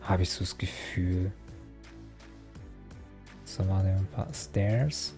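A Let's Play host, a young man with a deep voice, comments casually and slowly over music while playing a video game. He rambles and mocks himself, with many fillers and restarts.

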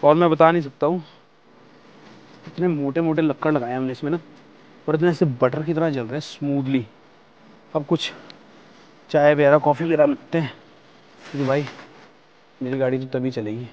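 A man chatting excitedly to camera from inside a small tent with a wood stove, slipping English words into his talk. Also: fairly high pitch, normal speed, long pauses, muffled recording. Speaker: camping vlogger. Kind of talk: casual chat to camera.

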